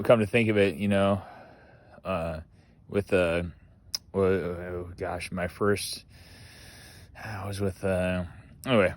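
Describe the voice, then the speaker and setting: A man tells casual stories in a rambling, profanity-laden way, laughing often between phrases. His voice sits at an ordinary middle pitch. The recording is dry, with no room sound. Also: no room sound. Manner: rambling, heavy swearing, frequent laughter. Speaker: Marine veteran storyteller. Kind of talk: casual storytelling.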